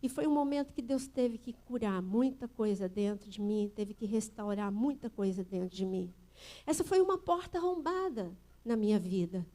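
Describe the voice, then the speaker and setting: A Brazilian woman pastor giving a sermon at a church service, telling a personal story in an earnest way that builds to forceful emphasis. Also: mid-range voice, lively intonation, moderate pace.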